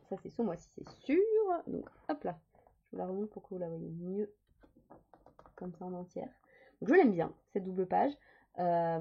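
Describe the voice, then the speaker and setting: A woman's voice: on the low side, vocal fry, mellow, husky. A woman in her thirties chatting casually as a coloring vlogger, rambling with many fillers and restarts. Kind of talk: casual chat. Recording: dull lo-fi sound.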